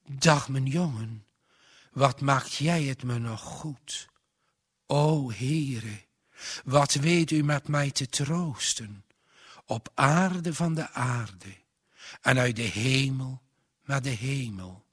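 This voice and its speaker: A man voicing a frail, dying old gentleman who speaks slowly and tenderly, giving a pious blessing in solemn biblical language. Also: medium pitch, slightly rough, no echo, clean studio sound. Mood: weary blessing. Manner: slow, weary, blessing in solemn biblical phrasing.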